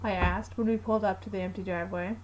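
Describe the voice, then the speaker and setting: A woman's voice: medium pitch, steady tone, quick pace, low-quality recording. Woman reading a fan story. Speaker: narrator. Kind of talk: reading fanfiction aloud.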